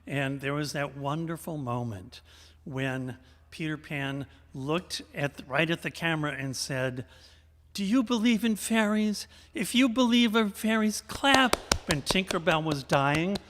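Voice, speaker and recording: Hosting a live radio theater show from inside a large church sanctuary, a man tells stories in a folksy, tongue-in-cheek way with theatrical emphasis. His voice is a little high, animated and fairly bright, at a measured pace. The recording is reverberant, with slight background noise.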